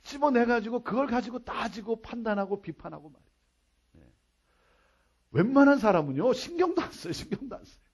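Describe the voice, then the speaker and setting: A middle-aged man preaching a revival sermon as pastor in a church, repeating key phrases and dropping to soft asides. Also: very high voice, lively intonation, brisk, pauses often, slightly rough. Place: church sanctuary.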